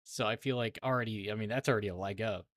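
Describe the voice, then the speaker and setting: A young man co-hosting a podcast, animated and sarcastic in casual chat, full of "like" fillers. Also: on the low side, fast, no room sound, clean studio sound. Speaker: podcast co-host.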